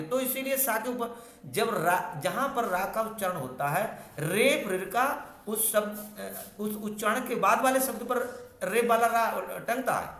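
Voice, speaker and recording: A man teaching a grammar lesson at a board, explaining slowly and repeating words as he points things out. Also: high voice, a bit bright. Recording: echoey room.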